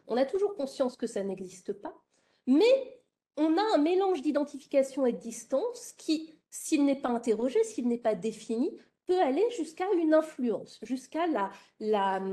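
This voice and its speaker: A woman lecturing on literature at a seminar, pausing often with fillers and restarts, then reading passages aloud. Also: a little high, warm tone. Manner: hesitant, many fillers and restarts. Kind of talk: academic seminar talk with read-aloud passages.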